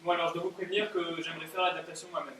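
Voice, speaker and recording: A man's voice: a little high, little pitch movement, very fast, fairly bright tone, lightly acted. An actor playing a curt, wary, businesslike man on the phone in a stage play, recorded from far off in a very roomy theatre. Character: suspicious, brusque author on the phone. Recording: very roomy stage audio from far off, faint hiss.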